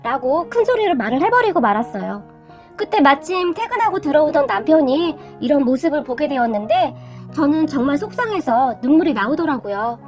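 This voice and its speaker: A woman narrating a first-person story from an online post in a smooth, even read-aloud manner. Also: high-pitched, brisk. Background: soft background music.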